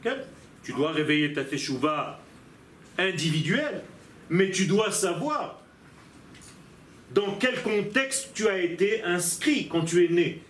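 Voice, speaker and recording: Rabbi guy giving a religious lesson, high voice, slow and emphatic, echoey room. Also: lively intonation, fairly bright tone, slight background noise. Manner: emphatic, asks rhetorical questions. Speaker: rabbi teaching a class.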